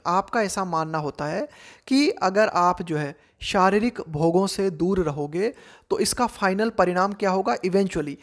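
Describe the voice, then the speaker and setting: A woman, an English teacher explaining a vocabulary book in Hindi, reading each English line slowly and then speaking to her learners directly. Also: mid-range voice. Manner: conversational, addresses learners directly.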